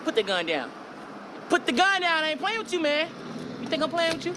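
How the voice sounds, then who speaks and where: An actor playing a rude, impatient male FBI detective who talks fast, shrill and bossy, swearing freely. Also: sing-song. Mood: threatening. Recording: film clip with loud street noise.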